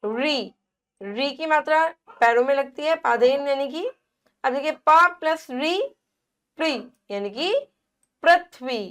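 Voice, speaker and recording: Slow, high-voiced woman teacher. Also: a bit bright. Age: adult. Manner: slow, drawn-out sounding of syllables; asks the children questions and repeats answers. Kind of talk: classroom lesson for young children.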